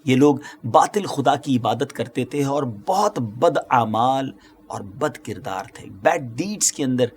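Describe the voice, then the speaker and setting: A man's voice: medium pitch, darkish tone, slight background noise. A middle-aged man telling a religious story dramatically, slipping English words into his speech and putting rhetorical questions to the viewers.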